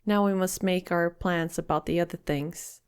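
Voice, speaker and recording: A man voicing a gentle, devoted fisherman boy. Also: high voice, steady tone, smooth, voice pushed up, lightly acted. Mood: earnest. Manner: soft, slowed, raised boyish voice. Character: young fisherman boy, loyal and tender. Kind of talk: audiobook character voice.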